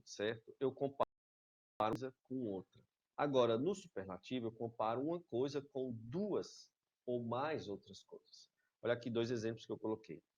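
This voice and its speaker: A man teaching English grammar in a recorded lesson. He explains step by step and keeps checking that students follow with quick "right?" tags. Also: mid-range voice. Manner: explains slowly, often checks with "certo?" and "tá?". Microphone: webcam video lesson. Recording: slightly dull lo-fi sound.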